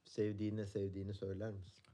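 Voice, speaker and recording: A man in a casual podcast chat, telling stories in a relaxed, slangy way. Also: lowish voice, fast talker. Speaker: podcast co-host.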